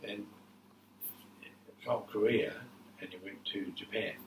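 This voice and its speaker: An elderly man with a New Zealand accent, a war veteran remembering his service in a halting, repetitive way during an informal interview. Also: fairly low pitch, steady tone, distant mic. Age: 80s or older. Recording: echoey room with faint background noise.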